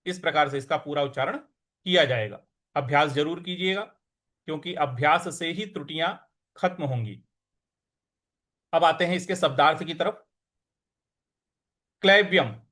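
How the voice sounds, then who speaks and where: A man teaching the recitation of a sacred verse, breaking words into syllables and chanting lines slowly. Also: fairly high pitch, fairly bright tone. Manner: slow, syllable-by-syllable demonstrations with brisker explanations between; chants verses in a melodic intoned way. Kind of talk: recitation lesson.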